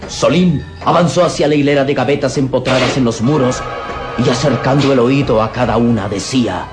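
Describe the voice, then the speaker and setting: A man narrating a dramatic radio serial in a theatrical, suspenseful manner with deliberate pauses. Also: medium pitch. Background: dramatic music.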